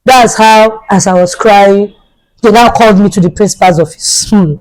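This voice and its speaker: A young woman telling a storytime vlog in an animated, dramatic way, her pitch jumping suddenly. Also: moderate pace, slight background noise, rough recording. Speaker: vlogger.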